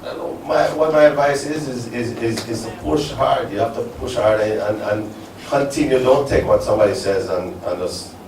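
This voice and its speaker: A man's voice: medium pitch, normal speed, few pauses, a little mellow. A man from Jamaica speaking at a business symposium, answering audience questions in an earnest, rambling way with many restarts. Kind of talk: live panel talk answering audience questions. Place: resort event hall. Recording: echoey event hall from far off, faint noise.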